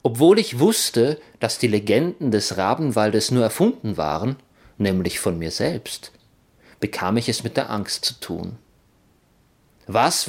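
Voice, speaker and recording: Male narrator, children's story, first person, playful, expressive, slow, lively pitch. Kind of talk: reading a children's story aloud.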